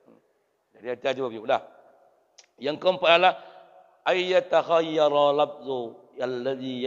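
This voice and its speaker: Preacher, male, animated and theatrical, echoey muffled hall. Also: a little high. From Indonesia. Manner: animated, swings loud and soft, acts out voices. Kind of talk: lively mosque sermon. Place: mosque. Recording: reverberant hall through dull PA sound.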